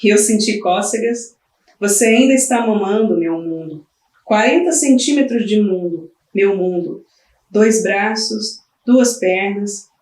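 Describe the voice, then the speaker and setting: A woman's voice: medium pitch, measured pace, a little mellow, natural voice. Woman reading as an exhausted, tearful new mother. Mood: weary, tender. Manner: weary, pleading, breaking into tearful cries. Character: exhausted new mother talking to her baby. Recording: roomy, from the mic at a distance.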